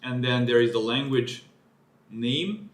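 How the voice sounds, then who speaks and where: On a live stream, a streamer from Serbia, whose first language is Serbian, reads through a technical paper slowly, reasoning out loud and fixing his own mistakes as he goes. He speaks at a middle pitch in a room with noticeable echo.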